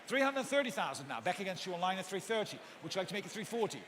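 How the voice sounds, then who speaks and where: A male auctioneer calls live bids in a high-pitched, very animated, very fast voice with a fairly bright tone, rattling off repetitive, insistent runs of numbers while politely addressing bidders. He is in a large auction hall with bidders present, picked up through an echoey hall PA with background noise.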